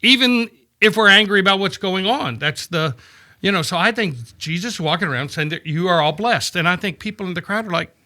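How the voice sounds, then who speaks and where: A man explaining scripture in a casual podcast chat, animated and storytelling, often checking in with "right?". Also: high voice, a little fast. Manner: animated storytelling, acts out quoted voices, frequent "right?" checks. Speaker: podcast guest discussing scripture. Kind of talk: casual conversational Bible teaching.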